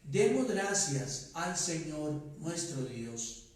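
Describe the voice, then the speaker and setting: A priest chanting and reciting the liturgy in a large church, his fairly high voice rolling through a long cathedral echo. He sounds set back from the microphone, and the slow, deliberate pace lets each phrase hang in the reverb. The delivery moves between sung lines and spoken prayer. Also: big pitch swings. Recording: echoey church, voice from far off the mic.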